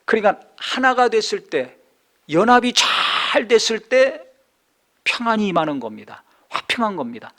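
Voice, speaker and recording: A male pastor preaching a sermon, shifting between quiet, searching asides and loud, rising exhortation, sometimes acting out harsh scolding. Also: high voice, very animated, normal speed. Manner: acts out scolding quotes in a harsh voice. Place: church sanctuary.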